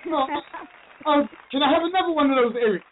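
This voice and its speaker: A man phones in as a guest, and his voice comes through a hollow, tinny speakerphone that sounds like it is inside a tin can. He talks in a high, lively voice and jokes and laughs easily. Faint hiss sits under the thin, phone-like sound. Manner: jokey, quick to laugh. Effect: tinny, hollow speakerphone sound, like talking in a tin can. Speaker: guest calling in, magazine owner. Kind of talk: casual chat.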